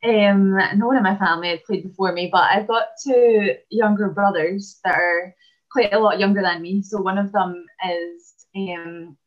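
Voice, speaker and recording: A Scottish woman in her twenties, a basketball player and dentist, chatting casually in an interview with many "um" pauses. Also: medium pitch, fairly even intonation, muffled recording. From Scotland.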